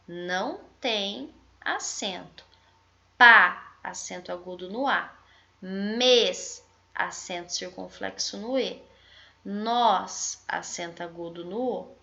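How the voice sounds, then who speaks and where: A young woman with a Brazilian accent, a primary school teacher, slowly correcting a worksheet and stretching out syllables to show where the stress falls. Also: medium pitch, vocal fry, sharp tone. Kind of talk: slow, deliberate lesson correction. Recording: dull lo-fi home recording.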